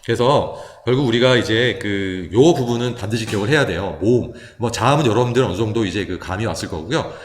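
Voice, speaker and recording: A man's voice: fairly low pitch, fast, few pauses. Korean man teaching English in an echoey room. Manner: patient step-by-step explaining with many fillers. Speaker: high school English teacher. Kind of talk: recorded pronunciation lecture.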